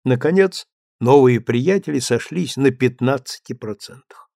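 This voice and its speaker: A man narrating an audiobook story in a measured storytelling manner. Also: medium pitch, lively intonation, creaky, warm tone, dry recording, studio quality.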